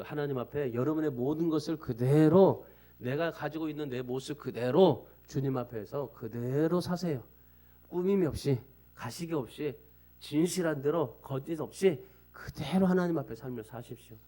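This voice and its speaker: A man's voice: mid-range voice, darkish tone. A male pastor delivering a Sunday sermon in an earnest, pleading way, repeating phrases and telling stories.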